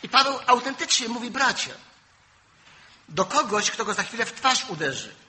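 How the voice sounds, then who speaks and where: An older man preaching a sermon. He tells personal stories and moves between loud, emphatic points and low, quiet asides. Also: big pitch swings, fairly quick, rough recording.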